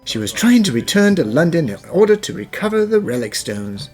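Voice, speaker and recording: Man acting a gentlemanly professor with sweeping intonation. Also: on the high side, sing-song, soft background music. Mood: grave. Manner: composed, formal, measured explanations. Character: gentlemanly puzzle-solving professor, thoughtful, devoted father. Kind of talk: animated fan dub acting.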